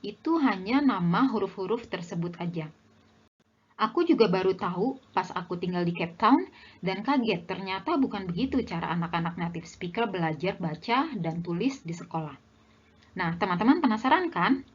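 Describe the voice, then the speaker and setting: A woman's voice: medium pitch, animated, moderate pace, slightly rough, highs cut off. A young woman teaching a language lesson in scripted narration, speaking in a friendly way to viewers as friends.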